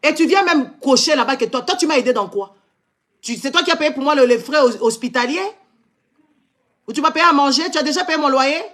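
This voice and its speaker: A man's voice: extremely high pitch, a little fast, a bit bright. A man from Congo with a Congolese French accent, ranting angrily in a live stream, scolding and switching into Lingala. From Democratic Republic of the Congo. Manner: angry and confrontational, repeated scolding exclamations; switches between French and Lingala mid-sentence. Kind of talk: heated live-stream rant.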